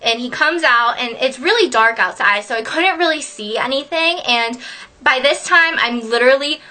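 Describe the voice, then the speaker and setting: A young woman telling a story on her vlog, animated and sweary, laughing often. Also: high voice, moderate pace. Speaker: vlogger.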